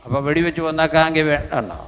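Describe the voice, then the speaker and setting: A man's voice: fairly high pitch, racing, a bit bright, slight background noise. An older man, preaching a sermon emphatically and repeating lines for the congregation. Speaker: pastor. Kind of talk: sermon with congregation reading scripture.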